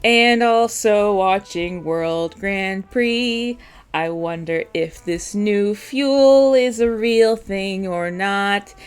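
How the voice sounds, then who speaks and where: A woman's voice: mid-range voice, drawn-out words, clear, resonant tone, faint music behind, voice pushed down. A woman playing a fretful, lonely car. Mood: worried. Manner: rambling, anxious, slips into sing-song. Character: worried lonely car watching races. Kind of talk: improv comedy scene.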